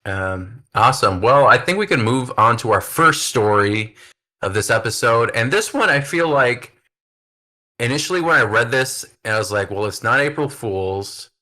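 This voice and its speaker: A man's voice: medium pitch, animated, moderate pace, pushed and bright. A man hosting a wrestling podcast, chatting casually in an upbeat, filler-heavy way. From United States. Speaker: podcast host. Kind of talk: casual chat.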